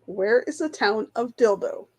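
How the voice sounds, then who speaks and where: Slow, chatty woman hosting trivia. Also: a little high, animated, darkish tone, slightly rough. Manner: reads questions aloud, greets and answers chat viewers, laughs at herself. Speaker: trivia livestream host. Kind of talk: casual live-chat trivia quiz.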